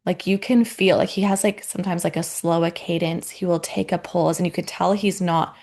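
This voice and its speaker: A woman's voice: on the low side, steady tone, normal speed, a little mellow. A woman in her thirties hosting a podcast, talking in a chatty, reflective way with lots of fillers. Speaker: podcast host. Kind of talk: casual solo podcast talk.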